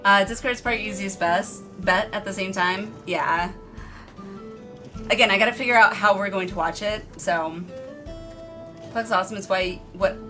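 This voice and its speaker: A woman live streamer chatting casually with her viewers in an informal, rambling, self-deprecating way. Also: on the low side. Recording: music behind the voice. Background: background music.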